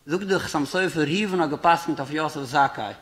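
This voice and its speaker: A man's voice: a little high, brisk, fairly bright tone. A man, a rabbi, giving a Torah lecture, reasoning aloud by posing questions and answering them.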